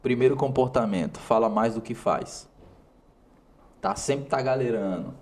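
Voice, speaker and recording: A man with a Brazilian Portuguese accent hosts a motivational talk in a medium-pitched, slightly mellow voice at a measured pace. He speaks emphatically and directly to the viewer, using punchy, repeated short phrases.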